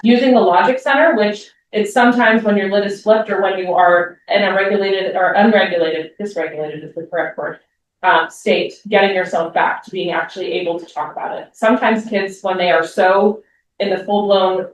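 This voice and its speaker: A woman's voice: medium pitch, fairly even intonation, moderate pace, a little hiss or hum. Woman, school presenter, conversational with ums and restarts, distant mic, very echoey room. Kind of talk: parent talk.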